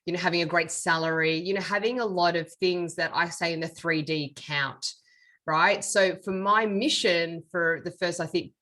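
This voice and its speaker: A middle-aged Australian woman, a medium and author, speaks as an interview guest, recounting her life story in an earnest, reflective manner. Her voice is lowish and a bit bright, with a steady tone at a normal speed.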